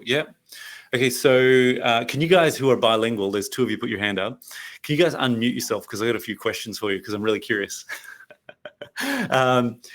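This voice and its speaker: Chatty Australian man leading a workshop. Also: medium pitch. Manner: chatty, anecdotal, laughs often. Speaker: leadership workshop presenter. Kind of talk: interactive online workshop talk. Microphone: video call.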